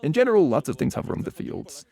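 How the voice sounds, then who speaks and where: A man from Poland answering street interview questions outdoors, telling folklore anecdotes as an expressive storyteller. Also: on the high side, fast, creaky. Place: outdoors on a city square.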